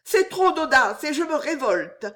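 Storybook young noblewoman, high and very expressive, slow and pleading, read by a woman. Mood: indignant. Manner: pleading, then fiercely indignant. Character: young noblewoman, desperate and proud. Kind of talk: audiobook character reading.

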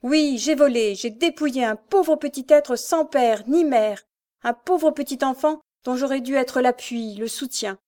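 A woman's voice: a little high, normal speed, a little mellow, lightly acted. A woman voicing a desperate young woman confessing. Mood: anguished. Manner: pleading, impassioned outbursts. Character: desperate young woman thief, tormented and ashamed.

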